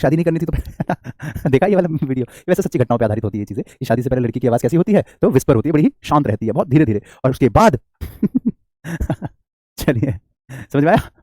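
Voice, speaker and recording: A man's voice: mid-range voice, very animated, fairly quick, warm tone, no echo, studio quality. A man teaching English vocabulary in a live online class, chatty and joking, calling his students "beta" and reading their comments aloud.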